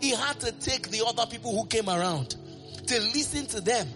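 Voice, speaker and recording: A man preaching a sermon, animated and sing-song, asking the congregation call-and-response questions. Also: very high-pitched, normal speed, music in the background.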